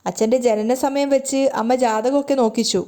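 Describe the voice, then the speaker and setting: A woman voicing a cheerful young woman about to marry in a serial recap, brisk and practical. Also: a little high, fairly even intonation, darkish tone, close to an everyday voice. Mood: eager. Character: cheerful young bride-to-be, eager.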